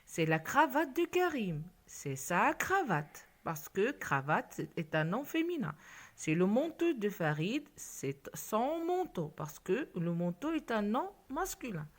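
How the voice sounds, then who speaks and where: Woman teacher, slow patient delivery, lively rise and fall. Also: medium pitch. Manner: slow, patient explanation with examples. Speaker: primary school teacher. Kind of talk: classroom video lesson.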